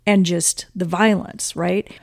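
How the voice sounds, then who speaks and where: A woman's voice: fairly low pitch, steady tone, slow pace, gravelly, dry recording, clean studio sound. A middle-aged woman telling a personal story in a casual conversation, emotional and vivid, acting out what people said. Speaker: guest, mother of the host.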